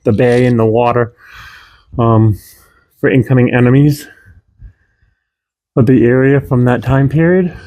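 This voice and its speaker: A man's voice: medium pitch, steady tone, measured pace, pauses often, warm tone, dry recording. A man hosting a casual outdoor walkthrough of an old fort, chatty, often saying um and talking to viewers as folks and guys, a little out of breath. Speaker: host exploring an old fort.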